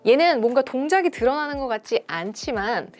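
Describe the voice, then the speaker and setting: A young woman gives a lively online English lesson, her pitch swinging up and down as she quizzes viewers. She repeats example sentences slowly and clearly for practice. Soft music plays faintly underneath. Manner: keeps asking the viewers rhetorical questions; drills example sentences aloud slowly, with repetition. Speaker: English teacher.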